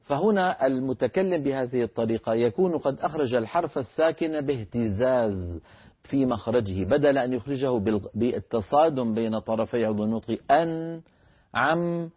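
A man teaching Quran recitation on a televised lesson. He chants verses slowly as examples and breaks words into single sounds to demonstrate them. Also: medium pitch, lively intonation, husky, highs cut off.

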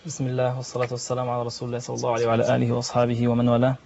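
Teacherly man, quick delivery. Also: mid-range voice, monotone, vocal fry, darkish tone, dull audio, a little hiss or hum. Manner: measured, teacherly, quotes recitation rules. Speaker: studio guest, Quran teacher. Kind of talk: discussion of recitation errors.

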